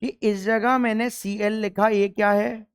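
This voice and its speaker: A man's voice: sits high, flat delivery, a little slow, clear, resonant tone. A young man teaching chemistry in an exam-focused lecture, emphatic, repeating key points and firing questions at the class.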